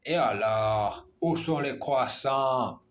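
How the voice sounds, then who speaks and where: A man reads French dialogue aloud to his phone camera, repeating lines and correcting himself as he goes. His voice is medium-pitched and slow, in a casual vlog about practicing the language.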